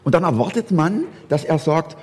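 A man's voice: on the high side, expressive, normal speed, a little mellow, husky. A man preaching a sermon, emphatic and fond of repeating rhetorical questions. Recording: long hall reverb.

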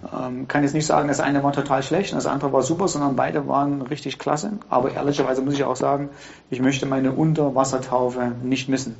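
A man, a pastor, telling his story in a relaxed discussion, lively and quick to laugh. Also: mid-range voice, gravelly, muffled recording. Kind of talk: casual discussion.

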